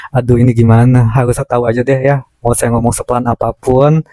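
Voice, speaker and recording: A man's voice: medium pitch, flat delivery, fast talker, dark tone, dry recording. A forty-year-old man with a speech impediment on his R, chatting casually and personally to his followers as a content creator, sometimes hard to follow. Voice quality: speech impediment on R, cannot pronounce r properly. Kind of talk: casual confessional chat to followers.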